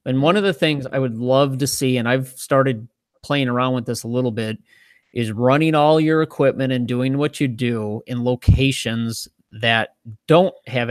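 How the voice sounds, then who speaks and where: Man calmly explaining on a podcast. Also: medium pitch, no room sound, clean studio sound. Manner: measured, explanatory, relaxed. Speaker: podcast co-host. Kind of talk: casual podcast chat.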